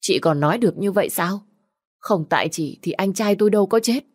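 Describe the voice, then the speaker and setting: A woman's voice: brisk, darkish tone, close to an everyday voice. A woman voicing a spiteful, hysterical young sister-in-law who screams and sobs her accusations. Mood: screaming, accusing. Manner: shrill screaming, sobbing accusations.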